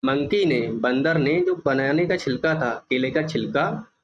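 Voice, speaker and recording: A man teaching a children's English workbook, slowly repeating words and their meanings. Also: medium pitch, dull audio. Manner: slow, repeats each word and meaning for children.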